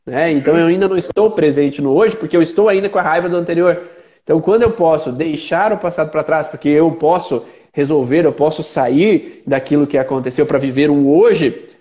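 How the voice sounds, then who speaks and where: A man's voice: fairly high pitch, darkish tone. A man, a therapist guest who explains ideas step by step in conversation.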